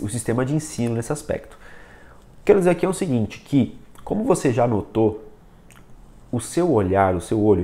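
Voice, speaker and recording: A man's voice: mid-range voice, dark tone. A man giving a casual video lesson on reading, talking straight to the viewer and demonstrating with a book and pen. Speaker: reading coach.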